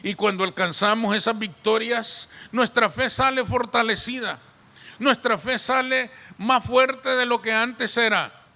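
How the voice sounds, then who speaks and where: Male pastor, very high bright voice, preaching with rhetorical questions, church hall reverb. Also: measured pace. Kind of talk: sermon.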